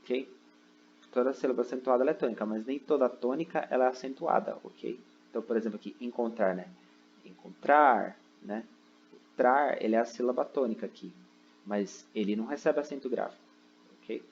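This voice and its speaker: A man teaches an online lesson from his computer indoors, breaking things down step by step and often tossing in "né?" or "ok?" as checks. His pitch is medium and his pace quick, captured in lo-fi audio with slight background noise.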